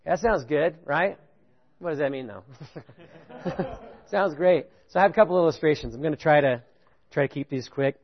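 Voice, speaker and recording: Animated preacher man, higher voice. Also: normal speed, pauses often, muffled recording. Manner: animated, rising pitch on key points, chuckles, asks "right?". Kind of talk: sermon with audience participation.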